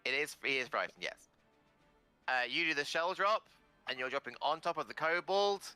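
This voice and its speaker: A man working as game master, narrating a tabletop fantasy game with dramatic pauses. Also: on the high side, animated, bright, forceful tone, clear, resonant tone, soft background music.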